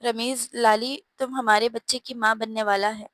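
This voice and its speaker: A woman's voice: on the high side, steady tone, fairly bright tone, no echo, natural voice. Woman voicing an innocent young girl. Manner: innocent, halting speech. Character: young woman raised abroad, innocent and playful.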